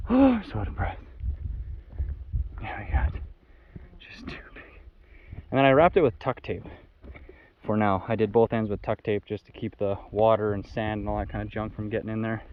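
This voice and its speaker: A young man with a low-pitched voice chats through his building project and explains each step as he goes. The audio is dull and slightly muffled, recorded outdoors on site. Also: a little hiss or hum. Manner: chatty, explains the work as he goes. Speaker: vlog host building a home. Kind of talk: casual build-update vlog.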